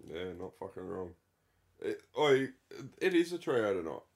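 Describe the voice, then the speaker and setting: Deep, slow-talking Australian bloke. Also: male voice, big pitch swings. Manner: laid-back, blokey, sweary. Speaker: podcast co-host. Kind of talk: casual banter between friends.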